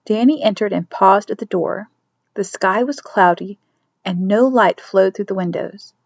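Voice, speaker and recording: A woman narrating a chapter of a novel in a steady storytelling manner, dropping to soft whispers for a character's thoughts. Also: medium pitch, a little slow, dry recording. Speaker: audiobook reader. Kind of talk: scripted narration. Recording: dry, dull lo-fi recording.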